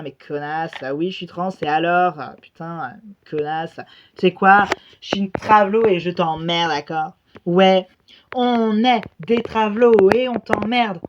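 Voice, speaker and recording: A woman's voice: on the low side, dull audio, noisy background, natural voice. Woman doing a furious, foul-mouthed contestant. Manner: shouting insults. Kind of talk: hobby toy-figure reality-show spoof.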